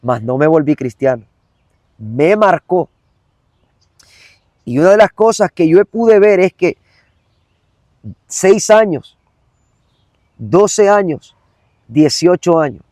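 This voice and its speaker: A man's voice: fairly high pitch, animated, slow, long pauses, darkish tone, dry recording. Earnest man giving a testimony. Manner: earnest, repetitive, addresses the listener directly. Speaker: evangelist guest. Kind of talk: emotional personal testimony.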